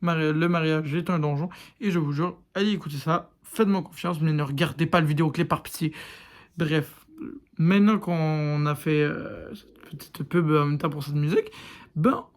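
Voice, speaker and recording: In a casual video review of a series, a YouTuber speaks frankly, calls his viewers "les gars" directly, and leans on plenty of fillers. His voice is on the high side, and his pace is moderate.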